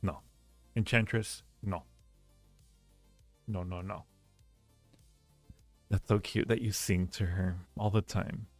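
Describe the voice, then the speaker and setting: A livestream host speaks in a low, steady voice at a slow pace, pausing often as he chats casually with viewers and rates ideas. He rambles and repeats phrases as he goes; the space echoes and faint music sits behind him.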